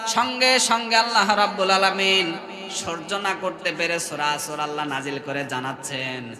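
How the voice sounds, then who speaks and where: A man preaching a Bengali waz sermon with a Bangladeshi accent, telling stories with sung, chanted rises and sudden hushed drops, and calling on the crowd to respond. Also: a little high, normal speed. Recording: echoey open-air hall with long reverb.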